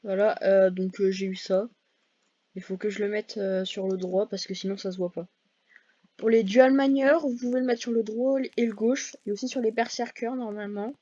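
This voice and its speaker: A woman's voice: mid-range voice, fairly even intonation, moderate pace, mellow, dry recording. Chatty woman with a dull lo-fi sound. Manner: chatty, hesitant, many fillers and self-corrections. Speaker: gaming video creator. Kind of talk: casual gameplay commentary.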